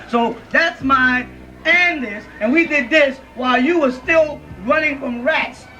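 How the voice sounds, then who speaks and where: Captured on dull lo-fi audio from a distant mic, a man gives an emphatic, informal lecture to a live audience in a room, often checking in with them. His voice is very high-pitched, bright and forceful.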